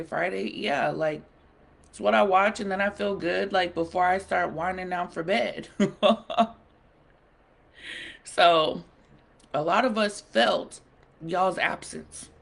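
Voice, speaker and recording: A woman's voice: on the low side, takes it slowly, vocal fry. A woman hosting a casual livestream, chatting playfully with viewers while she eats. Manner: chatty, playful, bantering with the chat; talks while eating. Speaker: livestream host.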